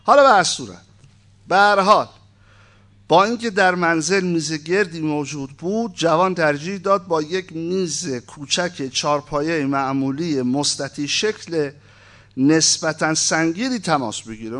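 A man's voice: on the high side, a bit bright. Man lecturing with wry asides. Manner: conversational, asides and wry humor between read passages. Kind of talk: informal lecture, reading and commenting.

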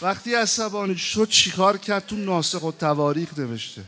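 A man delivers a mourning sermon in a very high, bright voice. He drops to hushed storytelling and then rises into wailing shouts and chanted verses. Faint background noise sits behind him. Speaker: preacher.

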